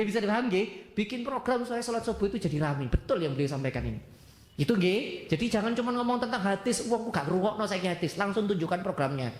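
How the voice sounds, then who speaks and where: A man with an East Javanese accent preaching and answering audience questions as a lively storyteller, acting out dialogue and slipping into Javanese. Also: high-pitched. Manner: mixes Javanese into his talk. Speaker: Islamic preacher. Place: mosque hall. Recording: echoey mosque hall.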